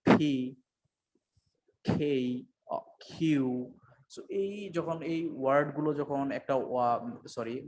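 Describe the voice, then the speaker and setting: A man giving an unscripted English pronunciation lesson, mixing two languages, pausing often with fillers and correcting himself. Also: mid-range voice, a little hiss or hum. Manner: hesitant, many fillers and self-corrections. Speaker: English teacher.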